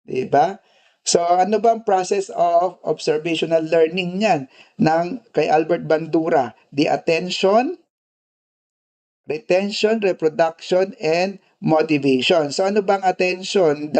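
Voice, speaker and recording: A man's voice: a little high, a little mellow. A man with a Filipino accent teaching a nursing class in a casual lecture, switching between Filipino and English and tagging his phrases with "di ba" and "no". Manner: tags nearly every phrase with "di ba" and "no".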